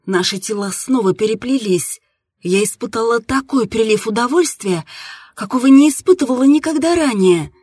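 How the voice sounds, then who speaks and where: A woman narrating a first-person audiobook in an intimate, steady manner. Her voice is husky and mid-pitched, recorded close and dry with no room sound. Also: dry recording.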